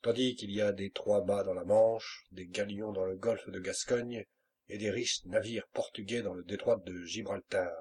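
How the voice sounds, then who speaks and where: A fierce pirate captain barks orders and threats in a low, husky voice, as a man reads him out in an audiobook. His lines come brusque and commanding, full of bluster. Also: fairly even intonation, normal speed, a little mellow. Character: fierce hot-tempered male pirate captain. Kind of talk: audiobook character reading.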